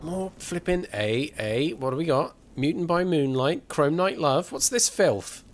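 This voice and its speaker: A man's voice: on the high side, unhurried, a little hiss or hum. A man streaming a game, chatting casually and reading in-game texts aloud in a playful, hammy dramatic way.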